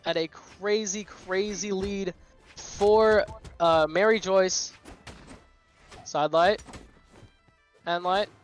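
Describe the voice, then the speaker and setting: A man doing esports play-by-play commentary as a caster, with an excitable, exclamatory delivery. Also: high voice, drawn-out words, long pauses. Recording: music behind the voice.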